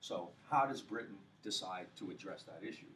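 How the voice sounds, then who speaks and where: Low-voiced male professor lecturing from afar. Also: animated, fairly quick. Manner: loose, joking lecture style with many fillers and rhetorical questions. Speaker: history professor. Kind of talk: university lecture. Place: lecture hall. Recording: far-off mic with faint hiss.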